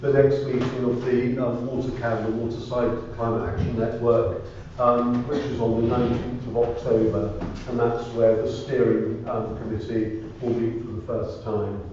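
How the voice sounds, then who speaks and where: Flat, halting man in an echoey room. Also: medium pitch. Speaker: councillor giving a report. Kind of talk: informal meeting report. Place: indoor parish council meeting room. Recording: muffled, echoey room, distant mic, faint noise.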